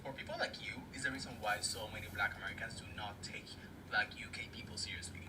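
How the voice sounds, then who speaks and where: A man from Colombia giving an earnest, quick monologue. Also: fairly low pitch, steady tone, sharp tone, whispered. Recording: distant mic with faint noise.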